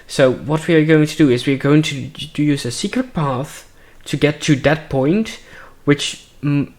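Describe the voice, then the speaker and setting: A man's voice: a little high, unhurried, a little mellow. A man voicing a hesitant male guide. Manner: sarcastic, hesitant with fillers. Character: wary male guide sharing rumors with the party.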